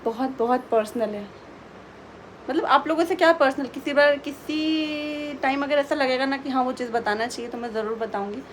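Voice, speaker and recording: A woman's voice: a little high, a little hiss or hum. A young woman chatting casually to her vlog viewers and reassuring her mother-in-law. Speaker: vlogger. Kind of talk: casual family vlog talk.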